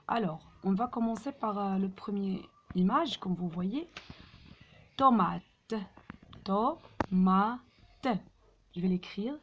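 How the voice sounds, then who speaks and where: A woman's voice: medium pitch, darkish tone, dull audio. A woman teaching French to young pupils, patiently repeating each word. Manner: slow, patient, repeats words aloud.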